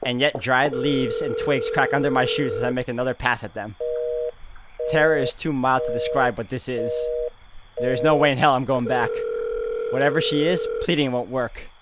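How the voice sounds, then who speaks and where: Over game music and heavy background noise, a man hosts a gaming video, reading a visual novel aloud with theatrical suspense and adding his own player commentary. His voice is medium-pitched with fairly even intonation, and he speaks at a normal speed.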